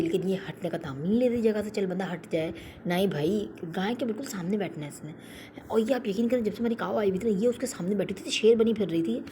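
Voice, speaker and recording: Young woman vlogger, chatty storyteller, warm low voice, faint background hiss. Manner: chatty, storytelling with many fillers. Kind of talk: casual vlog voice-over narration.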